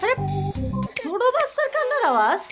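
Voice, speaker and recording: A woman's voice: very high voice, wildly swooping pitch, fairly quick, over music. A woman in a television drama musing aloud to herself, heard from away from the microphone. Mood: puzzled.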